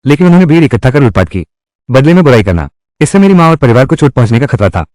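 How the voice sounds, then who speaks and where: A man's voice: medium pitch, sing-song, very fast, a little mellow, no room sound, close to an everyday voice. A man voicing an earnest young man in dubbed drama dialogue, firm and formal as he makes his case. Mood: indignant.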